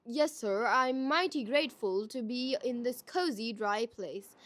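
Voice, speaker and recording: A woman's voice: a little high, a little slow, fairly bright tone. A woman voicing a cheerful, sly male trickster in a storybook, folksy and melodramatic, with exaggerated gratitude. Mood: smug, grateful. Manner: folksy, exaggerated, mock-grateful. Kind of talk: acted storybook dialogue.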